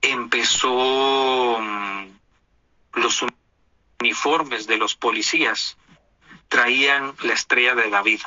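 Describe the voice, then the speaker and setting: A man's voice: mid-range voice, fairly even intonation, slow pace, long pauses, bright, forceful tone, no echo, dull audio. A man from Honduras with a Honduran Spanish accent, delivering an indignant, preachy opinion monologue as a commentator.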